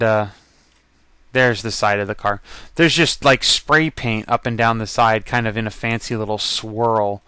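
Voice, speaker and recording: Man, casual photo-slideshow narration, rambling and chatty, smooth clear voice, dry close recording. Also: mid-range voice, fairly bright tone, dry recording. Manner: chatty, rambling, with frequent ums and laughs. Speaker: vlogger narrating his convention photos.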